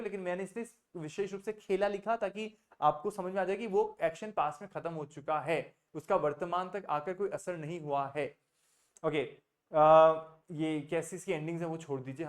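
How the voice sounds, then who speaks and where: A male English teacher with an Indian accent runs an online class over a video call. He patiently puts questions to his students by name and switches between Hindi and English as he explains. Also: a little high.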